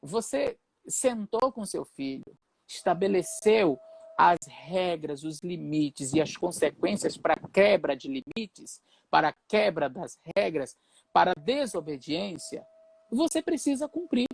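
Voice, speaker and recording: A male pastor with a Brazilian Portuguese accent explaining in a measured, conversational sermon style, pausing and restarting as he goes. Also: high voice, very animated, creaky, breathy edge.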